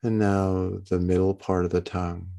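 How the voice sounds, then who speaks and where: Deep, creaky, calm meditative man. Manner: gentle, unhurried instruction with short phrases. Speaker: meditation teacher. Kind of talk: guided body-scan meditation.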